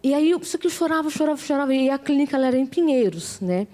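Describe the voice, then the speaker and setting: A woman's voice: high voice, expressive, quick pace, warm tone. A middle-aged woman with a Brazilian Portuguese accent telling her personal testimony in a heartfelt, repetitive way. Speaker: missionary giving testimony.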